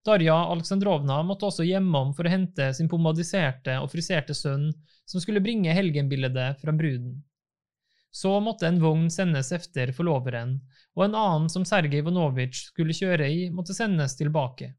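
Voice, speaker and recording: A man reading a classic novel aloud in calm, measured scripted narration. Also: on the high side. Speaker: audiobook reader.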